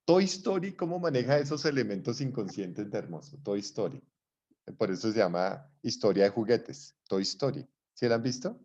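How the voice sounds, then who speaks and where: A middle-aged psychology lecturer gives an online lecture over a video call, explaining at length and often checking that listeners are following. His voice is fairly low, animated and a little mellow at normal speed, though the video-call audio sounds dull.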